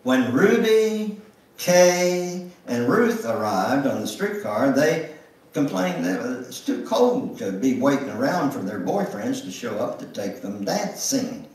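Slow, expressive man reading in an echoey church. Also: mid-range voice, far from the mic. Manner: expressive, slow, with big swings in delivery. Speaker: guest speaker. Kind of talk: dramatic reading of a memoir. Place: church sanctuary.

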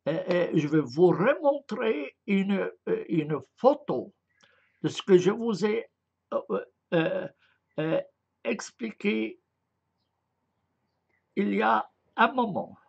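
A man's voice: high-pitched, expressive, slow pace, gravelly, long pauses, breathy edge, muffled recording. A man giving an explanatory lecture on a writing system, hesitant and full of filler sounds, spelling out letter sounds one at a time. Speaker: lecturer on Arabic script. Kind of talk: slow explanatory online lecture.

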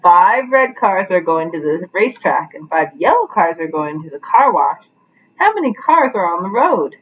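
A woman's voice: on the low side, very animated, moderate pace, distant mic, phone-quality sound, a little hiss or hum. A woman voicing a helpful young male cat who loves math, in a children's storybook. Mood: helpful, eager.

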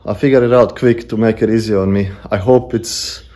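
Brisk and warm, a lowish male voice with fairly even intonation belongs to a homesteading vlogger in his thirties. He works in a stone workshop shed and chats to a phone held at arm's length, casual and self-deprecating with lots of fillers. Faint background noise and echo come through from the shed.

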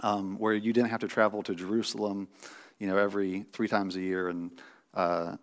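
A man's voice: lowish voice, little pitch movement, moderate pace. A man in his thirties preaching a sermon from a pulpit in a church sanctuary, teaching conversationally with restarts and fillers. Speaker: pastor.

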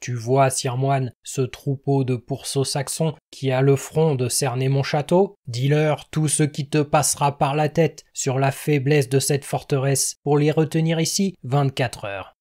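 A man's voice: medium pitch, steady tone, a little slow, hardly any pauses, a little mellow, natural voice. A man reading an audiobook, voicing a brutal Norman baron who barks threats and orders. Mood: menacing. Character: brutal, mocking Norman baron, middle-aged male.

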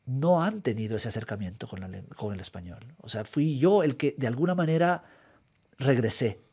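A middle-aged writer from Guatemala answers reflectively in a studio radio interview, methodical and prone to repeating words while finding them. He is animated at a moderate pace, with a mid-range voice that is husky and slightly mellow. A studio microphone captures it.

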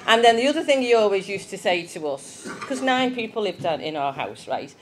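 A woman's voice: medium pitch, big pitch swings, brisk, a little hiss or hum. A woman giving a chatty children's talk in church, asking the young ones questions.

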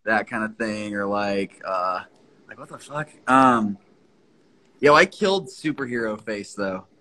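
A man's voice: fairly low pitch, lively intonation, measured pace, bright, forceful tone, rough recording. A man hosting a casual livestream from his phone, joking around and swearing freely with viewers who join the stream. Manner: swears a lot, loose and jokey. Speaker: livestream host.

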